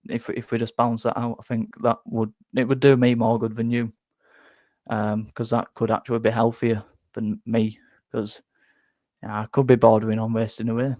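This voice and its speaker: A young Yorkshire man with a medium-pitched, slightly nasal, flat voice talks at a normal speed, recorded dry and close with no room sound. He's a football fan streamer reading chat in a casual live stream, rambling and self-deprecating as he stumbles and repeats words.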